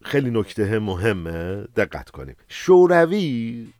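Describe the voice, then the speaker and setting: A man's voice: on the low side, very animated, darkish tone, no echo, studio quality. A man with an Iranian Persian accent hosting a history podcast, explaining things in a conversational way and speaking directly to listeners. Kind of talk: explanatory narration with casual asides.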